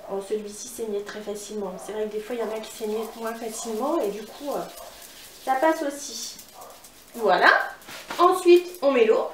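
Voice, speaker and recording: A woman's voice: fairly high pitch, moderate pace, echoey room, recorded from a distance, slight background noise. A woman with a northern French accent giving a chatty, upbeat cooking demonstration at home, talking straight to her viewers. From northern France. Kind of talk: casual cooking demo.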